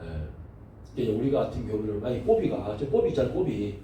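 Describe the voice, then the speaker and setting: A man pastor teaching a Bible class, telling the story in a lively way, joking and acting out the people in it. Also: fairly low pitch, normal speed, slight background noise. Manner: lively storytelling, jokes, acts out quotes. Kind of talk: Bible lecture. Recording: very echoey room, mic far off.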